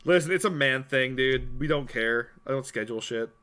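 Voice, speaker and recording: A man's voice: mid-range voice, normal speed, sharp tone, smooth. A young man co-hosting a podcast, telling stories in a loose, rambling, profane way with lots of fillers. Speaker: podcast co-host. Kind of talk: casual chat.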